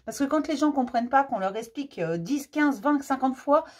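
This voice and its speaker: Female card-reading host, slightly high register, informal and reassuring direct address. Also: animated, brisk, darkish tone. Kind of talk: casual spoken card reading to camera.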